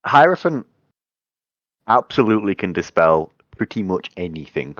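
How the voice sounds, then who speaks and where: A man's voice: deep voice, sing-song, moderate pace, no room sound, muffled recording. A man running a tabletop game as game master, narrating and chatting in an informal, sweary way.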